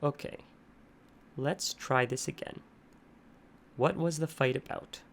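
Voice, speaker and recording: A man's voice: mid-range voice, steady tone, takes it slowly, creaky, slight background noise. A man doing a patient, soothing male therapist. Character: calm adult male therapist, patient then stern.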